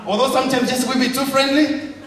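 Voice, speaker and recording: A young man from Zambia, doing an energetic, rabble-rousing stand-up comedy set and shouting his punchlines. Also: very high-pitched, fast, very echoey, long reverb tail, recorded from a distance, low-quality recording. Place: comedy club stage. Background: audience laughter.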